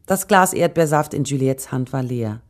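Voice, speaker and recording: A woman narrating a literary story in the first person, calm and measured. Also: extremely low pitch. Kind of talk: scripted narration.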